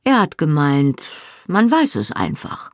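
An audiobook reader voicing a tall young man who speaks calmly and firmly to his little cousin. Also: mid-range voice, measured pace, dry recording, clean studio sound. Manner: firm, calm. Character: tall young husband, calm and patient.

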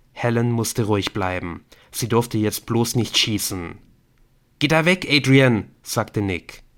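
A man narrating a thriller audiobook in a steady, measured way. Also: lowish voice. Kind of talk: scripted narration.

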